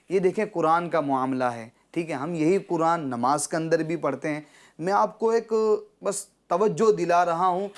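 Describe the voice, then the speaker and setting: A man teaching children Quran pronunciation, patiently checking understanding and drawing out syllables slowly when he models them. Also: high voice. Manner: patient, repeats "theek hai?" to check understanding. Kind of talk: children's Quran recitation lesson.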